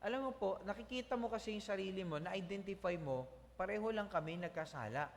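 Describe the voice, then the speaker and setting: A man preaching a sermon as pastor, animated and calling out to the congregation for amens. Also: high voice, fast talker, in a large hall.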